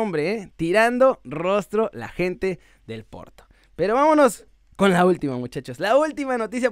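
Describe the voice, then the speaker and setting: A man's voice: sits high, smooth, no echo, clean studio sound. A young man with a Mexican accent, chatting casually about football news to his viewers in a slangy, joking way. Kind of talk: casual sports vlog.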